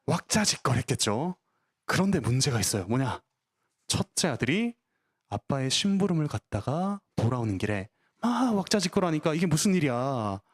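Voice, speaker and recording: A male pastor preaching a sermon, telling a story to children in an animated way and asking the listeners questions that he answers himself. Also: on the high side, moderate pace, slightly rough.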